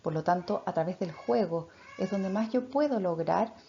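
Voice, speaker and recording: A woman speech therapist gives parenting advice, often checking in with short tag questions. Her medium-pitched voice is warm and creaky at a normal speed, and the recording is slightly muffled with faint background noise.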